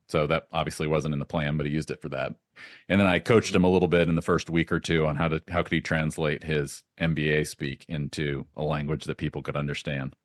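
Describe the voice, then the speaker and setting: A man being interviewed as a podcast guest, telling lively anecdotes and laughing often. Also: rumbling low, no room sound, studio quality. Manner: animated anecdotes with frequent laughs. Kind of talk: casual interview storytelling.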